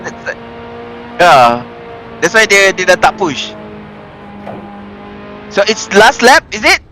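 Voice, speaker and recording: Male co-caster, high voice, chatty and laughing, faint music behind. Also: sing-song, slow, bright, forceful tone, poor audio. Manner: chatty and laughing, mixes Malay and English. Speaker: co-commentator. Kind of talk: casual race co-commentary.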